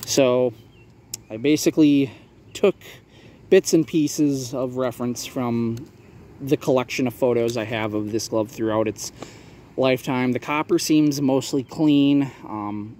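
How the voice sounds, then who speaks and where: A man giving a casual, explanatory product showcase for a video, talking in a halting, hedging way. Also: medium pitch, fairly even intonation, darkish tone. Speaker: maker showing a handmade prop replica for sale. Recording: clear background ambient noise.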